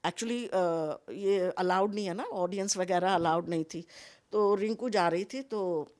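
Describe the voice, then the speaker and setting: An older woman, the mother of a contestant, chats in a casual interview mixing Hindi and English, telling stories expressively and acting out the quoted dialogue. Her voice is medium-pitched and unhurried.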